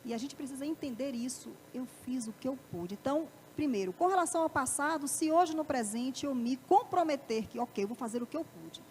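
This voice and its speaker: A woman's voice: sits high, animated, fairly quick, few pauses, a little mellow, a little hiss or hum. A woman with a Brazilian Portuguese accent gives a live motivational talk in a parish auditorium, often asking the audience rhetorical questions. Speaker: lecturer.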